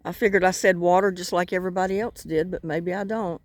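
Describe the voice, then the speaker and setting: An older woman vlogs as she fishes outdoors by the water, speaking fast with a lowish voice and fairly even intonation. Her North Carolina Southern accent carries a rambling, folksy, self-deprecating chat, and the recording is dry.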